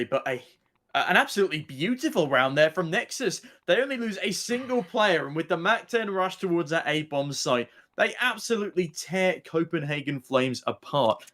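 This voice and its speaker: A man commentates live on an esports match. His voice sits at a middling pitch, and he analyses play in wordy, emphatic phrases. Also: fairly bright tone.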